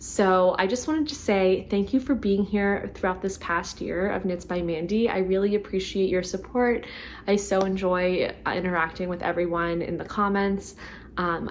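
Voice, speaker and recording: A woman vlogging about her knitting in a chatty way, full of ums and likes, a little hoarse as she is losing her voice. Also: lowish voice, a little hiss or hum. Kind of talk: casual chat to camera.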